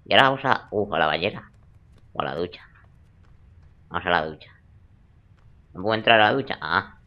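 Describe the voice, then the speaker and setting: A man's voice: low voice, expressive, brisk, muffled recording. A young man giving joking, crude gameplay commentary in a teasing, playful way. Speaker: let's play gamer.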